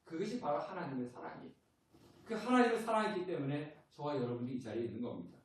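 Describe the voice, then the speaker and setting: A man's voice: fairly high pitch, lively intonation, quick pace. A middle-aged man preaching a sermon as pastor, telling stories and acting out his church members. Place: church sanctuary. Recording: echoey church hall from far off.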